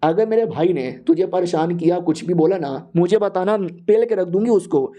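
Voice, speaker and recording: A man's voice: high-pitched, expressive, moderate pace. A man voicing a bossy, teasing older sister who scolds and mocks her younger brother. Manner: loud, scolding, mocking.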